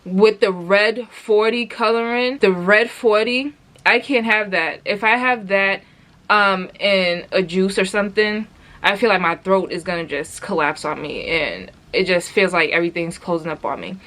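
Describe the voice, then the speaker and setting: A woman's voice: mid-range voice, moderate pace, a bit bright. A woman giving a casual product review vlog, chatty and rambling with lots of fillers, talking straight to her viewers and asking them questions. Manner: addresses viewers directly, asks many questions.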